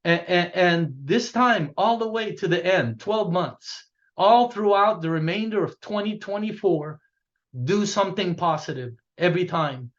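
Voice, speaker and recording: Speaking at a measured pace on lo-fi audio, this business coach has a voice that sits high. He fires up a sales team with a punchy pep talk, repeating himself and tacking "okay?" onto each point.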